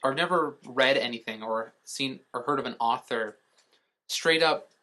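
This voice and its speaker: Co-hosting a podcast at normal speed, a man with a sharp-toned, mid-range voice chats casually. His explanations ramble, and he swears in an offhand way.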